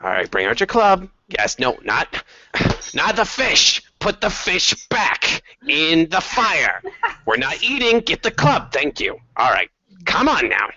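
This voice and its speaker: A man voicing a bossy, excitable male goblin leader who barks hurried orders at his gang in a tabletop game. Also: fairly high pitch, no echo, pitched above the performer's own voice, exaggerated voice. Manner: shouty, hurried barking of orders. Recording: dull dry lo-fi recording.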